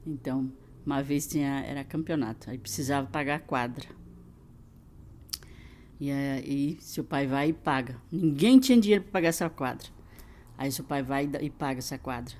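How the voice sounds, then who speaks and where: A woman's voice: rumbling low, normal speed. A woman in her sixties with a Brazilian Portuguese accent, recounting family memories in an interview. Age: 60s. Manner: animated storytelling, laughing. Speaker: interviewee, narrator's mother. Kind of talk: casual interview.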